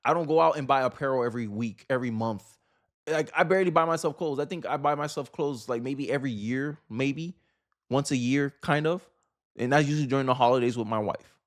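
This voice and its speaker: A political commentary show host talks in a brisk, medium-pitched voice. His tone is casual and opinionated, and he repeats and rephrases his points to drive them home.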